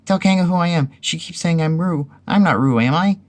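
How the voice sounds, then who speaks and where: Guy doing a squeaky lil piglet from a kids story, way higher voice, nervous n indignant, flustered. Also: fairly quick, natural voice. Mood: desperate pleading. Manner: flustered, exclaiming, protesting. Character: small timid piglet, anxious, indignant, squeaky.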